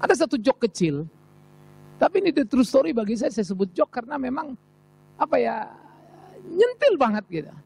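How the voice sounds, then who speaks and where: A man's voice: very high voice, very animated, moderate pace, vocal fry, pauses often, darkish tone, a little hiss or hum. A man preaching a sermon as a pastor, emphatic and rhetorical, repeating phrases for effect. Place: church service.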